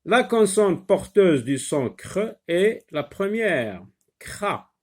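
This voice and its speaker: A male teacher giving a phonics lesson for young children, repeating each word several times and pausing with frequent hesitant fillers. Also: sits high, very animated, a little mellow.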